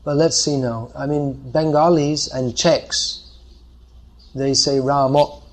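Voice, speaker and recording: A man's voice: medium pitch, fairly even intonation, slow. A man leading a scripture class, answering audience questions and explaining by thinking aloud.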